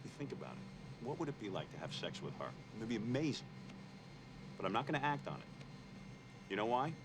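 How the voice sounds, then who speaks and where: An actor playing a brash, crude, self-mocking radio host, confiding to the audience. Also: male voice, medium pitch, very animated, fairly quick, noisy background. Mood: musing. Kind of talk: film dialogue and narration.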